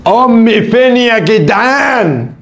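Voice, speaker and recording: A man's voice: very high-pitched, lively intonation, slow pace, creaky, crowd noise, full character voice. An actor playing a bewildered young man in a comedy skit, asking questions in a pleading way. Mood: confused. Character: baffled young man searching for his mother.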